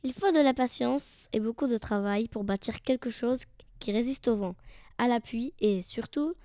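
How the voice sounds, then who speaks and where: A woman reads a fairy tale calmly and steadily. Her tone is soft and mellow, pitched a little high. The sound is dry and close to the mic. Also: normal speed, no echo. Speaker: storyteller. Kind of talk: storybook narration.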